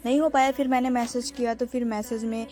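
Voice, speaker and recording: A woman's voice: on the high side, fairly even intonation, fast talker, mellow, faint music behind. Chatty young woman vlogging. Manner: chatty, addresses her audience as friends. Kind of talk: casual vlog narration.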